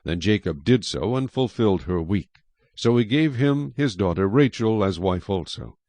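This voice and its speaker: A male narrator tells scripture as a dramatic story, his low-leaning voice full of lively, expressive intonation. He keeps a moderate pace, and the recording is close and dry.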